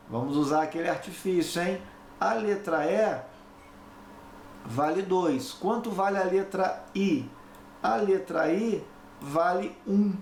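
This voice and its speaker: Slow-explaining male teacher. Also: fairly high pitch. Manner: explanatory, repeats key points with tag questions. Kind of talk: recorded online lesson. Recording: echoey room, faint background noise.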